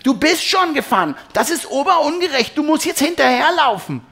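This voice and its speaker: A man voicing a loud, bossy little girl who shouts in a high voice during a storybook reading. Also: quick pace, heavily acted. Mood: shouting. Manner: shrill, shouting.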